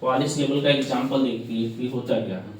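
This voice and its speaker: A man's voice: medium pitch, fairly quick, darkish tone, a little hiss or hum. A male English teacher lectures a class. He asks questions and answers them himself, repeating the key terms. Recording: very echoey classroom, mic at a distance.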